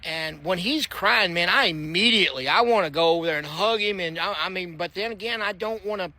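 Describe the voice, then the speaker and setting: A man's voice: high-pitched, fairly quick, bright, forceful tone. A man telling a personal faith testimony in an earnest, conversational way, with fillers and restarts. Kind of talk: personal testimony, casual storytelling. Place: backyard, outdoors.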